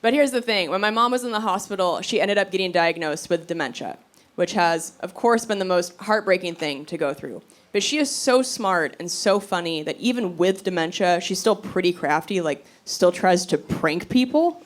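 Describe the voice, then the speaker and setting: A woman doing a stand-up comedy routine on stage, animated, quick to laugh and swearing freely. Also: on the low side. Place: comedy stage before a live audience. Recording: live stage recording with crowd noise.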